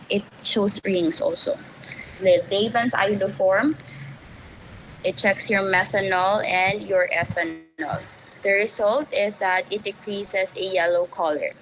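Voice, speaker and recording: Slow, halting Filipino woman lecturer. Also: mid-range voice, a bit bright, slight background noise, poor audio. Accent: Filipino Cebuano. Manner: halting, explanatory, many fillers. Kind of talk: classroom lecture.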